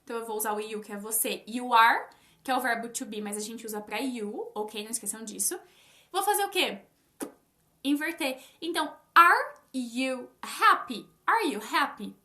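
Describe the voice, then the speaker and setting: A young Brazilian woman gives a casual live English lesson in a high, bright voice. She speaks straight to her viewers and slows down to stress each example. Her voice bounces around an echoey room. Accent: Brazilian Portuguese. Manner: lively, talks directly to viewers, stresses English examples slowly. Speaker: English teacher.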